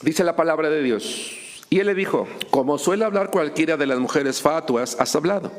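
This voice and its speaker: A man's voice: on the high side, lively intonation, moderate pace. A man, a pastor preaching a sermon, joking and acting out little scenes between husbands and wives. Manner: humorous, acts out couples' dialogue.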